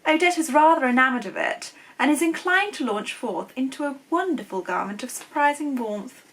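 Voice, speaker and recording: A posh, old-fashioned lady with a posh English accent, as a woman puts her on, reads vintage adverts aloud. She delivers them in a grand, sing-song sales pitch. Her voice sits fairly high. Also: animated, normal speed, a bit bright. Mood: genteel.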